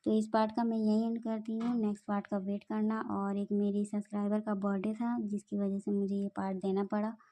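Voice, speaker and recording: A woman storyteller reading a fan fiction love story aloud in a plain, steady way. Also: mid-range voice, brisk, few pauses.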